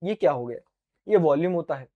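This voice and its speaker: A man in a lively, high-voiced physics lecture. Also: fairly quick, highs cut off. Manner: animated and playful, answers himself in a student's voice; addresses students as dear children. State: sore throat. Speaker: physics teacher. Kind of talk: online exam-prep lecture.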